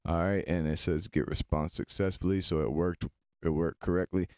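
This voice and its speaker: A man with a deep, smooth voice leads a casual tutorial. He is chatty and informal as he instructs step by step, recorded close and very dry. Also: fairly even intonation, normal speed, a little mellow, no room sound. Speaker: tutorial host.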